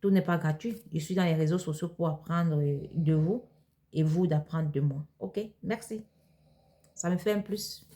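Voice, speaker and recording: A woman's voice: on the low side, moderate pace, warm tone. A woman from Cameroon, talking casually in a vlog and answering viewer questions in a hesitant way, with many fillers and restarts. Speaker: vlogger.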